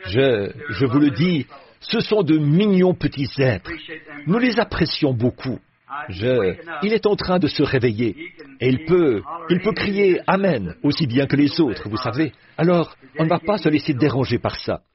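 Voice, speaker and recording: A man's voice: fairly high pitch, very animated, unhurried. An older man preaching to a congregation, folksy and joking as he chats with the people in front of him. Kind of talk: sermon. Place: church platform before a congregation. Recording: muffled old recording, audience heard.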